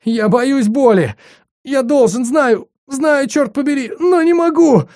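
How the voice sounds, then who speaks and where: A man voicing a terrified young male recruit who pleads and sobs in pain, his voice high and shaking. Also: a little slow, a little mellow, dry recording, studio quality. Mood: terrified sobbing.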